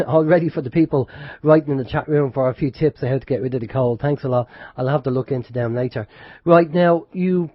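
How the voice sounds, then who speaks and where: A man with a mid-range voice hosts an internet radio show, chatting casually despite a head cold and sore throat. He's on a close studio microphone with no echo, but the stream sounds dull and lo-fi.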